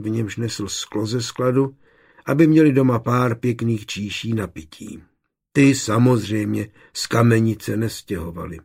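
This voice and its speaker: A man reading a historical novel aloud as a narrator, voicing the characters' dialogue lightly and keeping a measured storytelling pace. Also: medium pitch, gravelly, husky. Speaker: audiobook narrator. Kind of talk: scripted narration.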